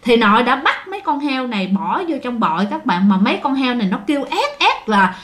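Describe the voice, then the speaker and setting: A woman's voice: a little high, lively intonation, fast, fairly bright tone. A woman with a Southern Vietnamese accent, telling ghost stories in a chatty way and often addressing her listeners directly. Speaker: storyteller. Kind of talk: casual ghost story telling.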